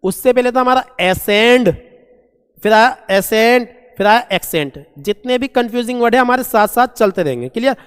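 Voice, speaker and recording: A man teaching a vocabulary lesson, asking and answering his own questions and reading English examples out slowly. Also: very high-pitched, clean tone. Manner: asks and answers his own questions, calls students "beta". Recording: long echoing reverb.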